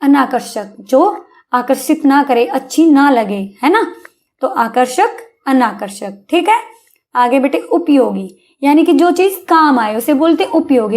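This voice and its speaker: A high-pitched woman teaches schoolchildren their vocabulary in a coaxing, patient way. She keeps checking that they follow and spells words out sound by sound. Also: a little mellow. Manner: coaxing, calls listeners beta, asks "hai na?". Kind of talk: Hindi vocabulary lesson for children.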